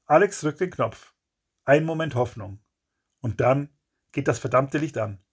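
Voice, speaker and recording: A man's voice: medium pitch, measured pace, husky. A man narrating a crime story in a dramatic, punchy audiobook reading.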